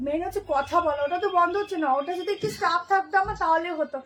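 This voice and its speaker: Very high-pitched hoarse chatty woman. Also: racing, fairly bright tone. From Kolkata, India. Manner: chatty, nonstop talker. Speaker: boutique seller. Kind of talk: live sales showcase.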